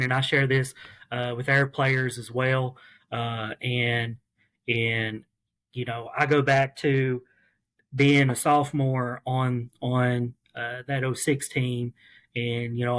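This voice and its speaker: A man speaks in a casual podcast interview as an assistant coach. His tone stays earnest and level with little rise and fall in pitch. He halts often with fillers. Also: fairly bright tone. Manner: earnest, halting with many fillers.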